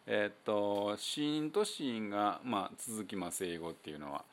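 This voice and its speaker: Gravelly low-voiced Kansai man teaching. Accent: Kansai Japanese. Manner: chatty and loose, with many fillers, slowing down to demonstrate sounds. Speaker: English pronunciation teacher. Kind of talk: casual spoken audio lesson.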